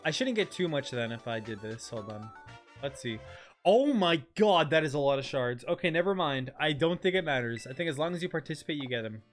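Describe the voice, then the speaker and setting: A man livestreaming a game in casual, slangy, excitable chat, often exclaiming and repeating his phrases. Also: medium pitch, quick pace, soft background music. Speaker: game streamer.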